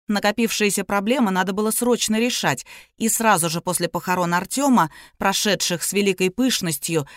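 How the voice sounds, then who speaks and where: A woman reading an audiobook in measured, even narration. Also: mid-range voice, no echo, studio quality. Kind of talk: scripted narration.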